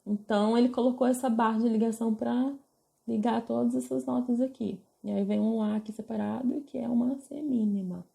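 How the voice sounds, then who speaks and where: A woman's voice: on the high side, fairly even intonation, fairly quick, vocal fry, warm tone. A woman with a Brazilian Portuguese accent teaching music theory from a book, explaining patiently and checking in often with her listeners. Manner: explains patiently, pointing at the page with many check-ins.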